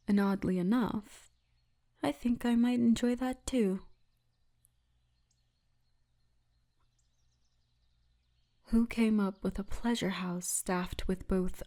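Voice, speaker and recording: A woman with a medium-pitched, darkish voice plays a poised, seductive orc tour guide in an ASMR fantasy roleplay. She teases intimately and often half-whispers.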